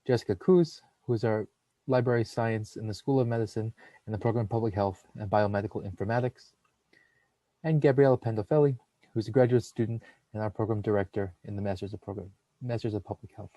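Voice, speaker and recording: Through a computer mic with no echo, a young male nursing student speaks fast in a lowish voice while hosting a webinar. He steadily reads a prepared script, including long lists of names and titles.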